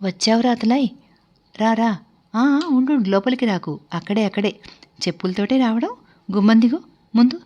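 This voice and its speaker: A woman's voice: a little high, normal speed, long pauses, mellow, voice pushed up, close to an everyday voice. A woman voicing a stern young aunt who firmly orders a boy out of her kitchen, in a storybook reading. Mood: firm scolding. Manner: firm, shooing, commanding. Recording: dull lo-fi recording.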